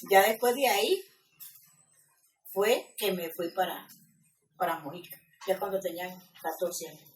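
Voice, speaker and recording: A woman's voice: on the low side, animated, unhurried, a little hiss or hum. A woman in her seventies with a Guanacaste Costa Rican accent, recalling her youth on a ranch in a conversational documentary interview. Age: 70s. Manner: reminiscing, conversational, checks in with "¿ya?". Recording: roomy, distant mic with music underneath.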